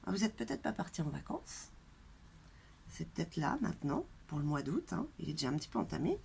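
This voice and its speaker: A woman hosting a tarot channel gives viewers a casual, chatty reading, addressing them directly though somewhat hesitantly. She has a deep, very animated voice, brisk, with vocal fry, nasal and congested from a blocked throat that makes her cough and clear it. She is outdoors in a light breeze, on a noisy, windy recording.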